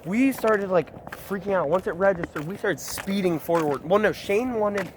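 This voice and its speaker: A man casually telling a scary story to friends while walking outdoors through a neighborhood, rambling and animated. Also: sits high, moderate pace, a little hiss or hum.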